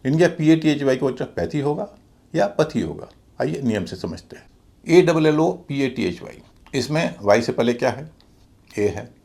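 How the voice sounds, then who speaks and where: A man teaching English pronunciation, spelling out letters and syllables slowly and deliberately in a scripted lesson. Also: medium pitch, lively intonation, creaky, a little mellow.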